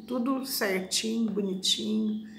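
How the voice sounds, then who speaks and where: Animated woman pastor, echoey room. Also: medium pitch, takes it slowly, a little hiss or hum. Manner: animated storytelling with quoted dialogue. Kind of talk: testimony sermon.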